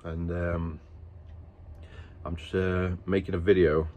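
A man's voice: deep voice, little pitch movement, takes it slowly, a little mellow. A man casually telling a family story to camera, rambling and stop-start, breaking into laughter. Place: at work after dinner.

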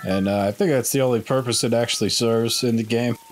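A man in the middle of his range gives rambling, profane let's play commentary. He sounds sleepy and stoned, loose and unhurried. Faint game music plays underneath. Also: medium pitch, fairly even intonation. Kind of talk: casual gameplay commentary.

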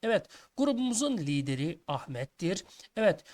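A man's voice: sits high, big pitch swings, normal speed, darkish tone. A man teaching a schoolbook lesson for children, reading each task aloud and then explaining it to his young listeners. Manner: addresses listeners as friends, reads tasks aloud then explains.

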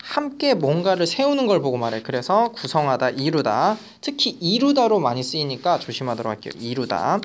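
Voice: medium pitch, sing-song, moderate pace, hardly any pauses. A teacher giving an online vocabulary lecture who mixes casual and polite speech and keeps checking in with students.

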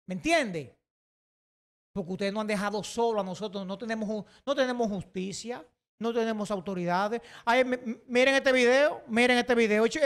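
Indignant Dominican man ranting. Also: very high voice. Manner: indignant, emphatic, repeats himself. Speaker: online commentator. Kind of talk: heated opinion commentary.

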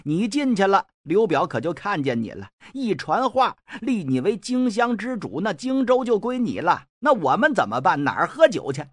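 A man playing an arrogant, bullying middle-aged general who blusters and threatens loudly. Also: sits high, big pitch swings, normal speed, few pauses, dry recording, studio quality. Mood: scheming.

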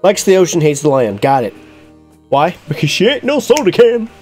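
A man's voice: fairly high pitch, sing-song, normal speed, darkish tone, faint music behind. A man commentating a game in a crude, laughing, exasperated way while reading out game text. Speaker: gaming YouTuber. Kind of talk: let's-play commentary.

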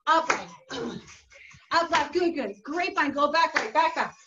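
A woman's voice: high-pitched, lively intonation, measured pace, background noise. A young woman working as an aerobics instructor, calling out short, encouraging workout cues and whoops with lots of energy as she exercises in a living room. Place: carpeted living room at home. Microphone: camera across the room. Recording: distant mic, dull sound, music behind. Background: workout music.

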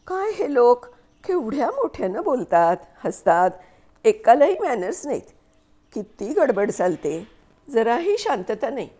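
A woman voicing a sharp-tongued young wife who scolds loudly in a high voice. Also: very animated, unhurried. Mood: complaining. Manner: high, loud and nagging.

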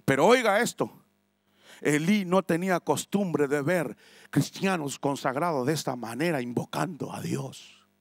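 A male pastor preaching a sermon at a family retreat, emphatic, swinging between loud cries and hushed asides. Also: fairly high pitch, measured pace, vocal fry, dry recording, soft background music. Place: church family retreat hall.

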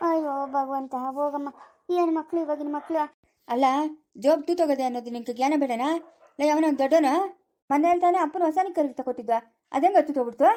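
A woman with a Chikkaballapura Kannada accent, loudly scolding in a rural family skit. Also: sits high, fast. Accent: Kannada, Chikkaballapura area. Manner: loud scolding village dialect.

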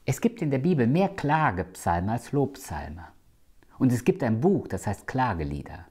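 A man preaching a sermon. He speaks with emphasis, slows down to quote scripture and sometimes drops to a hushed tone. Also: mid-range voice, big pitch swings, breathy edge.

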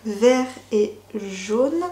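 A woman's voice: medium pitch, animated, very slow, dark tone, echoey room, a little hiss or hum. A woman casually chatting through a knitting unboxing, hesitant with many fillers and restarts. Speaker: knitting vlogger.

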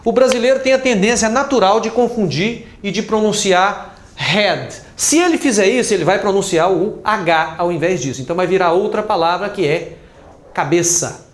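A Brazilian man teaching English pronunciation, drawing out each sound slowly as he demonstrates it. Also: high-pitched, reverberant. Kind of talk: explanatory lesson.

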